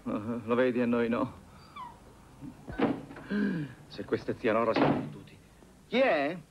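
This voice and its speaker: An actor playing a frantic, blustering young lover. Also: male voice, mid-range voice, measured pace, muffled recording, lightly acted. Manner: frantic, excitable, mumbling asides. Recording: noisy old film soundtrack.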